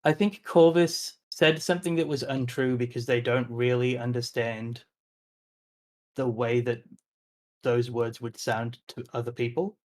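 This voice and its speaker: A man's voice: mid-range voice, steady tone, darkish tone. Man running a tabletop game. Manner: measured, unhurried narration with filler words. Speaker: game master.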